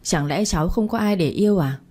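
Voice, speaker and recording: A woman's voice: fairly low pitch, brisk, warm tone, close to an everyday voice. A woman voicing a nosy, gossipy older woman neighbor who teases a young woman, in a storybook reading. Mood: teasing. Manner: teasing, gossipy.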